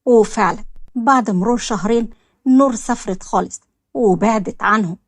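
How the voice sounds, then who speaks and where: A woman's voice: fairly high pitch, normal speed, dry recording, clean studio sound. Egyptian woman reading a romance story. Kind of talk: scripted romance story narration.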